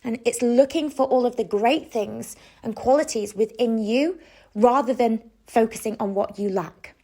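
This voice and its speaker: Higher-pitched woman giving coaching talk. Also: moderate pace, mellow. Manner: conversational, encouraging, rhetorical questions. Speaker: self-love coach. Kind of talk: reflective coaching talk to the listener.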